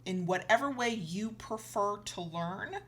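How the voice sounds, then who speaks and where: A woman co-hosts an educational show, offering conversational advice with her co-host and explaining things while stressing key points. Her medium-pitched voice has lively intonation and a fairly bright tone, at a slightly slow pace.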